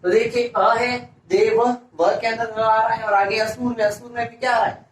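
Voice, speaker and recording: A man's voice: very high voice, little pitch movement, normal speed. A male teacher giving a grammar lesson, asking a question and answering it himself, repeating each answer. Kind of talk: classroom-style grammar lesson. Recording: echoey room, voice from a distance, faint hiss.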